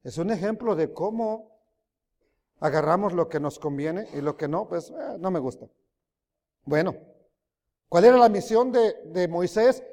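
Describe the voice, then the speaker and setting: A man preaching a sermon, emphatic, swinging between loud rises and quiet drops, often asking his listeners questions. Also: sits high, animated, unhurried, pauses often. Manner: emphatic, rising and dropping loudly, asks the audience questions. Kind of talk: sermon teaching. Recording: long hall reverb.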